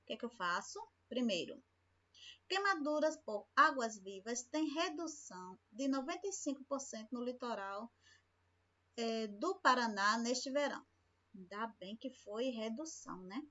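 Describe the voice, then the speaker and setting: A Brazilian woman teaching a remote science lesson to children, explaining slowly and often checking in with the class. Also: on the high side, animated, pushed and bright. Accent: Brazilian Portuguese. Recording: lo-fi home recording.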